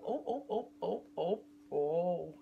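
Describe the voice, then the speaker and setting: A young woman in casual vlog chat at home, talking into a phone held at arm's length, chatty and rushed, often dropping into a whisper. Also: on the low side, animated, creaky, narrow, tinny audio, slight background noise. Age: young adult. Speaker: vlogger. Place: home bedroom, indoors.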